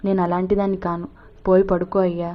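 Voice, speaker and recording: A woman's voice: lowish voice, level tone, fast talker, close to an everyday voice. A woman voicing a young village woman, trusting and proud, speaking earnestly, in a dull lo-fi recording. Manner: earnest, firm.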